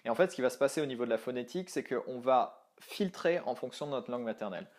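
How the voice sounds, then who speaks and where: A man's voice: medium pitch, fast. Young man, language coach, chatty video lesson, many fillers and restarts. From France. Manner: animated, thinking aloud with many fillers and restarts. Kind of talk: casual online video lesson.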